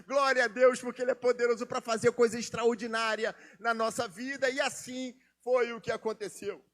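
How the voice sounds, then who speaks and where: Pastor preaching, super high bright voice, yells then goes quiet, big church echo. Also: male voice, little pitch movement, a little fast. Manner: impassioned preaching, shouting at peaks, sinking to hushed storytelling. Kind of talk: sermon. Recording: long reverb of a church hall.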